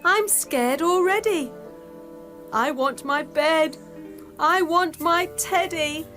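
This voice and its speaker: A woman voicing a frightened little boy lost in a dark wood, with a whimpery, pleading manner. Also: high-pitched, big pitch swings, measured pace, faint music behind, voice pushed up. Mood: scared.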